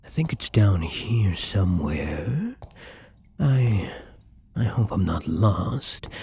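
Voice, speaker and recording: A man acts out an intimate ASMR roleplay as a shy, gentle young vampire who has just been turned, apologetic and hungry. His exaggerated voice is lowish and breathy, often slipping into whispers, and he sounds wary and murmuring, hesitant, halting, polite and soft-spoken.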